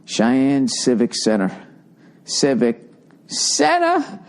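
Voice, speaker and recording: A man's voice: medium pitch, animated, normal speed, a little mellow. A middle-aged man rambling casually as a podcasting comedian, profane and sarcastic, and he jumps into mocking voices. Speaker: comedian hosting a podcast, answering listener letters.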